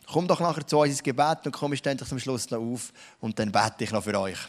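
A man preaching a sermon and leading a prayer, earnest, slowing down to stress key words, with a few restarts. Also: medium pitch.

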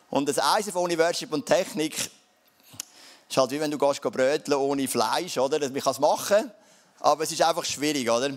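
Swiss German man preaching casually. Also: fairly high pitch. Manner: casual, conversational preaching with dialect fillers. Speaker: pastor. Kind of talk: sermon.

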